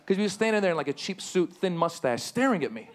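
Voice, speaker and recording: A man performing stand-up comedy on stage, animated and given to sudden high-pitched outbursts. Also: fast talker. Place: stage before a live audience.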